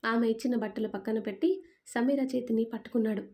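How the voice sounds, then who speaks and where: A woman reads a family story aloud in an even, descriptive way. Her voice is somewhat high yet warm and mellow, and she moves through scenes at a steady storyteller's pace. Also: fast talker. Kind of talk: scripted story narration.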